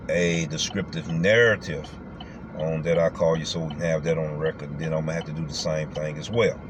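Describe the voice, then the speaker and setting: A man with a very low voice talks in a casual vlog style. He is colloquial and emphatic, circling back over his phrases, with clear background noise like a vehicle's hum. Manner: colloquial, emphatic, repeats himself. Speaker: delivery driver and vlogger.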